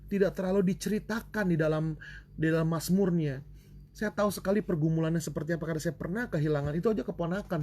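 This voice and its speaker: Male preacher, mellow, slightly high voice, heartfelt testimony, faint background hiss. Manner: emotional storytelling, addresses listeners as brothers and sisters. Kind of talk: online sermon with personal testimony.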